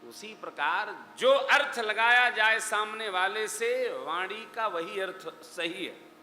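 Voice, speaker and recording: A man giving a dramatic scripture discourse, dropping his voice low, then rising loud. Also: slow. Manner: dramatic storytelling, swings from hushed to loud. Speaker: religious storyteller. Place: large hall. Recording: echoey hall with music behind.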